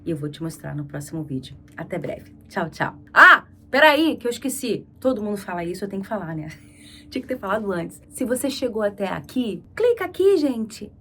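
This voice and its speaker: A woman speech therapist with a Brazilian Portuguese accent, teaching a vocal exercise lesson, drawing out demonstration words slowly and instructing in an encouraging way. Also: lowish voice, expressive, darkish tone, distant mic, a little hiss or hum. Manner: slow prolonged demonstration words.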